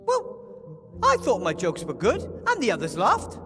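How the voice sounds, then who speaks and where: Sarcastic young gnome hero, high lively voice, reverb, faint music. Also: male voice, moderate pace, exaggerated voice. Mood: wry. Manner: wry, sarcastic. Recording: game audio with reverb and music.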